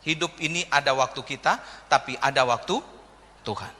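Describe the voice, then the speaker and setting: A pastor delivers a humorous sermon, joking, telling stories and acting out the characters in quotes. His voice is medium-pitched, pushed and bright, at a moderate pace, with the long reverb of a hall around it.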